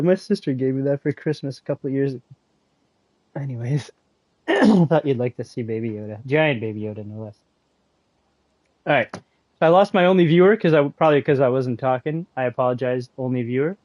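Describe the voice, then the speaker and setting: A man's voice: medium pitch, animated, brisk, a little mellow, no room sound, rough recording. A man chatting casually on a live game stream, rambling and joking at his own expense. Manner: rambling, joking and self-mocking.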